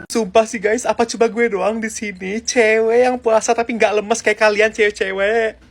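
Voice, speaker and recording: A woman's voice: on the high side, steady tone, normal speed. A young woman performing a comic school skit, switching between several schoolgirl voices. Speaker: comedy creator. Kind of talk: one-person school skit. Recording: loud music bed.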